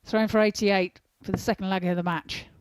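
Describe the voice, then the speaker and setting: A woman's voice: mid-range voice, steady tone, a little fast, smooth, no room sound. A woman giving conversational live commentary on a darts match.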